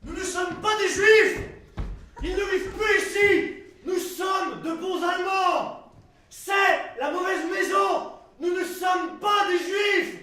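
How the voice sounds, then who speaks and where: A man's voice: fairly high pitch, animated, fairly quick. An actor playing a frightened, defensive man of the house on stage, tense and fearful. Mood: panicked shouting. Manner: tense and fearful, bursts into frantic shouting. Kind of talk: stage acting. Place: theater stage. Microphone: far room mic. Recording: distant stage recording in an echoey theater.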